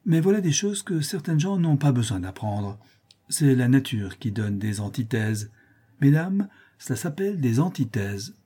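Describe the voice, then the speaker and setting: A man's voice: mid-range voice, very animated, moderate pace, dark tone, slightly rough. A man voicing a vain, pompous older count who admires his own verses. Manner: pompous, self-admiring, emphatic.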